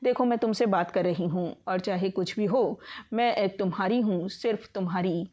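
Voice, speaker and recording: Woman reading as a teary young girlfriend in a storybook, soft pleading tone, mid pitch. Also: normal speed, close to an everyday voice. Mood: tearful pleading. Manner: pleading, consoling. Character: young woman, tearful and tender lover.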